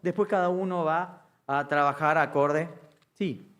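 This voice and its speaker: A man in middle age lectures on directing a band. His voice sits a bit high for a man. He talks in a live classroom way, tossing in quick checks that everyone is with him. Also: a bit bright, clear, resonant tone. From Argentina. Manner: keeps checking understanding with a quick "¿sí?". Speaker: music director teaching a course.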